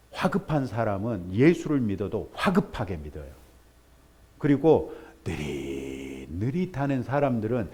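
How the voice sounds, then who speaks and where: A male pastor preaching a sermon, telling a story with lively acted-out voices for the people in it. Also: mid-range voice, slightly rough. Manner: animated storytelling, acts out characters in raised voice.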